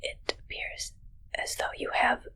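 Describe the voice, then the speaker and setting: In an ASMR roleplay, a woman voices a soft-spoken, awkward alien pretending to be a ship's doctor. She mostly whispers, with a halting, politely formal delivery that sounds hesitant and curious.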